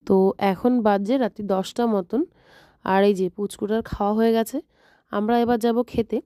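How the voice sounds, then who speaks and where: A woman's voice: fairly even intonation, normal speed, no room sound, studio quality. A woman with a Bengali accent narrating her days at home in a casual family vlog, filmed on a handheld phone. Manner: coos high and sing-song to a baby; speaks hushed and low in the morning. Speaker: vlogger.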